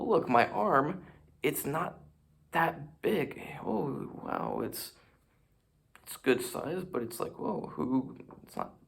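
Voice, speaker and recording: This creaky, mid-range male voice belongs to a fitness vlogger. Talking to the camera in front of him, he rambles along in a self-mocking way while showing off poses.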